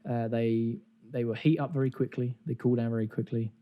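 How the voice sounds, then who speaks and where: A man's voice: medium pitch, fairly even intonation, a little fast, highs cut off. A man hosting a podcast, explaining things in a casual, chatty way. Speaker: podcast host.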